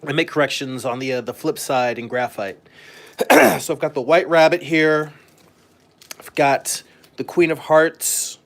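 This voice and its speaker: Hosting a live stream, this man, a comic artist by trade, talks in a rather high voice at a measured pace. His chat is relaxed and somewhat rambling as he demonstrates his work.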